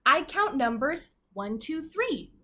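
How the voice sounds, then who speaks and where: A primary school teacher reads a children's book aloud to her pupils, expressively, tossing in chatty asides and questions aimed straight at the children. Her voice sits high and bright with a forceful tone and big pitch swings, she takes it slowly, and there's a little hiss or hum.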